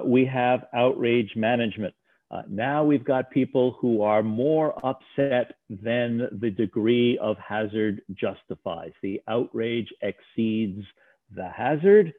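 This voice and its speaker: A man's voice: medium pitch, no echo. Man lecturing over a tinny line. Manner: discursive, frequent uh and um fillers, restarts. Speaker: lecturer on risk communication. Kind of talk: slide lecture presentation. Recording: tinny phone-like line, dry sound.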